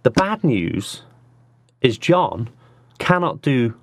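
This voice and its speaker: Guy hosting a music show, chatty and rambly, dry close sound, normal pitch. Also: very animated, slow pace, dry recording. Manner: rambling and jokey, with restarts and asides. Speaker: host of an online acoustic music show. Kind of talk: casual chat. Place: small studio.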